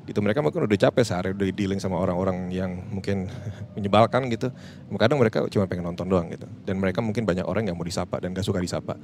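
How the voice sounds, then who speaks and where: A man's voice: sits low, a little hiss or hum. A man with a Jakarta accent, a podcast co-creator talking in a casual panel chat, slipping English phrases into his speech. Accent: Jakarta Indonesian. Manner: fast, animated, mixes in English phrases.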